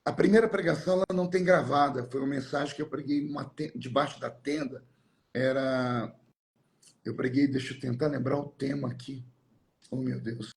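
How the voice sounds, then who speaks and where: A middle-aged man, a pastor, telling a personal story in conversation, reflective and sometimes pausing to search for words. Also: medium pitch, steady tone, gravelly.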